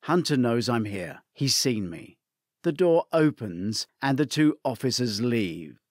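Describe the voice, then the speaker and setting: A man reading a mystery novel aloud in the first person, his pitch rising and falling freely. His medium voice sits close to the mic in a dry, dead space. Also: a little slow, no echo. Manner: expressive storytelling. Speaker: narrator. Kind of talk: first-person audiobook narration.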